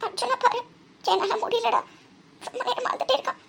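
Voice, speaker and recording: A woman's voice: extremely high pitch, steady tone, brisk, vocal fry, heavy background noise. A woman voicing a tearful, anxious young woman in a cartoon drama. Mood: tearful worried. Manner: tearful, worried.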